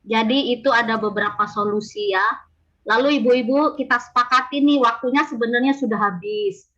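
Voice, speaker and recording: High bright-voiced woman moderator. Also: fairly quick, dull audio. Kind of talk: moderating a webinar. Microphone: video call.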